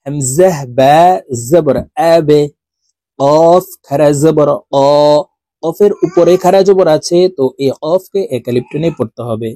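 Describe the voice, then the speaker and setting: A man teaching Quran reading, spelling out syllables slowly and adding quicker, quieter explanations. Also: fairly high pitch, no room sound. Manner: drawn-out spelling drills, quicker quieter asides. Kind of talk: slow recited lesson with explanations.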